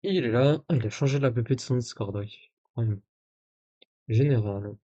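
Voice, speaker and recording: A man's voice: mid-range voice, a little fast, dark tone, highs cut off. Sarcastic man streaming live commentary. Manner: casual, many fillers and restarts, sarcastic asides.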